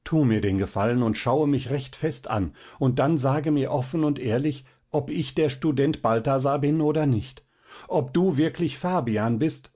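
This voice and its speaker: A man's voice: medium pitch, moderate pace, warm tone, voice pushed up, close to an everyday voice. A man voicing a frantic, jealous young male student in a storybook reading, talking in a pleading, agitated way.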